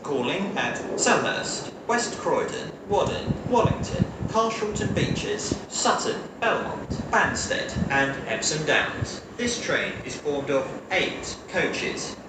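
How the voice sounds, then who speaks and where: A man's voice: on the high side, very animated, slow pace, hardly any pauses. A British man making a formal, scripted train station announcement, reading out details in separate segments over a station public address system. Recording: echoey noisy station PA, distant. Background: loud train and station ambience.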